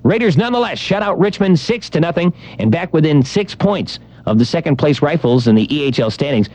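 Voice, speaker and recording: A man's voice: fairly high pitch, lively intonation, fairly quick, a little mellow, dull audio. A man hosting a morning radio show, joking and rattling off times, weather and scores.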